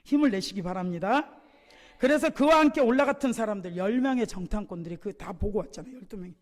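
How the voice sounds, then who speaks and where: A male pastor giving an emphatic sermon, jumping between loud exclamations and low, quiet asides. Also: lively intonation, fast, long reverb tail. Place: church sanctuary.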